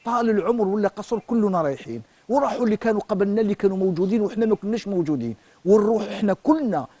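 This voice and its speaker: Fast-talking Algerian sheikh, fairly high voice. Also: male voice, expressive, dark tone, no echo. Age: middle-aged. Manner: emphatic, repeats phrases. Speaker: sheikh answering callers. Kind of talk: religious counsel. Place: TV studio. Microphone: lapel mic.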